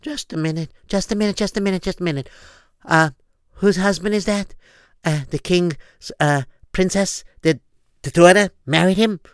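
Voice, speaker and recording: A man's voice: high-pitched, clean tone, no room sound, studio quality, lightly acted. A man voicing a young woman who hesitates and stumbles over her words. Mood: earnest. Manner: halting, many fillers.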